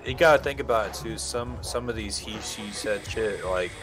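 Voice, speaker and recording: A young man with a lowish voice rambles through a casual podcast chat, stacking fillers and restarts. Faint music plays underneath. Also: moderate pace. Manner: rambling, full of fillers and swearing. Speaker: podcast co-host.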